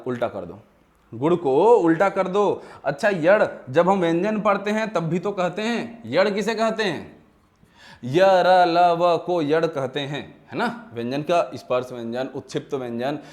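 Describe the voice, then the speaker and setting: A man's voice: fairly high pitch, a little mellow. A male teacher from Chhattisgarh giving a grammar lecture, asking questions and answering them himself, drawing out words as he explains. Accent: Chhattisgarh Hindi. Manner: asks questions and answers them himself, repeats key terms; slow, drawn-out words when spelling things out.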